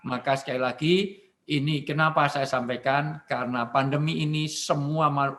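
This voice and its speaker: A man from Indonesia giving a humorous virtual sermon from his home, animated and joking, often addressing his listeners directly. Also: a little high. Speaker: preacher.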